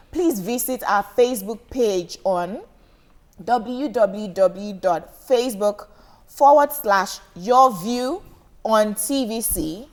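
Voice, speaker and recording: A woman hosting a studio talk show, upbeat as she reads out call-in details. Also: medium pitch.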